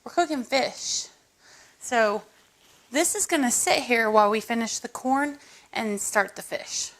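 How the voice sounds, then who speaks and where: A fairly high-voiced woman talks viewers through a recipe in her home kitchen. Her tone is chatty and casual, with asides and small jokes as she cooks. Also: expressive, a little slow, a bit bright. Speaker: cooking show host. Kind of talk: casual cooking tutorial.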